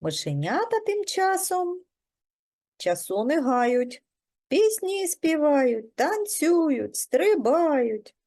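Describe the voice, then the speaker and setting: A woman preschool teacher reads a folk tale to young children. Her slightly high voice rises and falls with animated storytelling, and she speaks slowly and gently.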